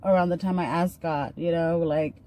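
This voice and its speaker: Her voice is fairly low and warm, steady in tone and at a normal speed. She's a vlogger in her thirties telling a personal story while putting on makeup, chatty and earnest with lots of filler words. She's recording on a phone camera at arm's length inside a parked car.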